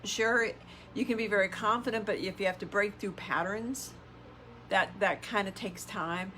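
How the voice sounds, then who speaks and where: A woman's voice: mid-range voice, moderate pace, pushed and bright, a little hiss or hum. A middle-aged woman giving a conversational motivational talk in the manner of a self-help influencer, emphatic, repeating phrases and posing rhetorical questions. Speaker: self-help podcast host and coach.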